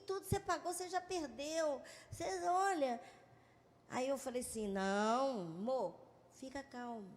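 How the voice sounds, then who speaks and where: A woman reverend guest telling a personal testimony in casual church chat, animated and acting out the dialogue. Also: high voice. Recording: long hall reverb.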